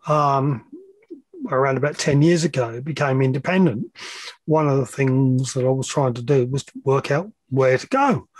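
A middle-aged man who engineers loudspeaker measurements appears as a podcast guest, explaining technical points with occasional hesitation and plain-spoken asides. His voice is fairly high, and the recording is dry.

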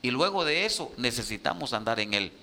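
A man hosting a religious program, earnestly urging his listeners and often pausing with fillers. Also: mid-range voice, big pitch swings, pushed and bright. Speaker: radio program host. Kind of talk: exhortation to listeners.

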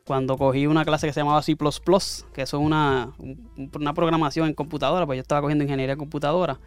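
A man's voice: on the high side, flat delivery, fast talker, clean tone, no room sound, soft background music. A man, a guest telling his story in a rambling, casual way and often correcting himself. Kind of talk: casual interview chat.

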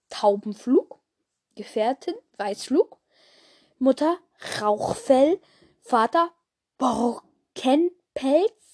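A young woman hosting a fan podcast, chatting casually and gushing excitedly as she reads through a list. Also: high voice. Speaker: podcast host. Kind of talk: casual fan chat reading from a wiki.

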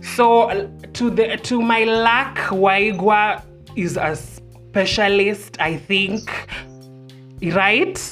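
A woman's voice: mid-range voice, steady tone, drawn-out words, fairly bright tone. A woman with a Kenyan accent hosting a casual podcast in a brash, campy, sultry drawl, bantering and swearing freely. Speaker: podcast host. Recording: music behind the voice. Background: music.

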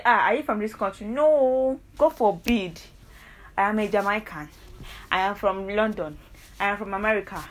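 A young woman with a Nigerian accent and a mid-range voice hosts a casual solo podcast. She talks earnestly, rambling and correcting herself while arguing her point.

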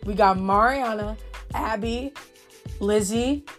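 A woman's voice: mid-range voice, takes it slowly, soft background music. A young woman telling a casual, profane and gossipy story in a vlog about her color guard trip. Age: young adult. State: voice recovering from being lost. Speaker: color guard senior vlogging.

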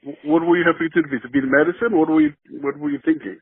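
Husky male radio host, eager. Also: fairly high pitch, fairly even intonation, racing, no room sound. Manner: eager, stumbling repeats of words. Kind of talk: radio interview. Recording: dry phone-like radio line.

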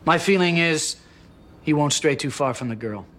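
A man's voice: on the high side, expressive, moderate pace, a bit bright, a little hiss or hum. A man playing a confident military officer who speaks firmly and evenly. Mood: assured.

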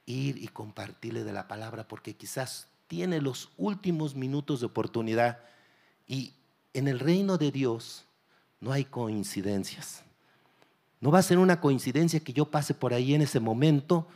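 Man, middle-aged pastor, preaching, mid-range pitch, urgent and direct. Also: a little mellow. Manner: emphatic preaching, exhorting listeners directly. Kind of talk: sermon.

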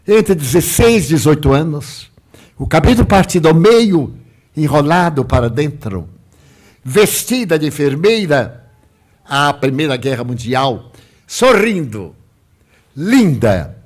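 Older man as speaker, dramatic spiritual storytelling, very lively pitch, loud-to-hushed swings. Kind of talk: telling a personal spiritual story to an audience.

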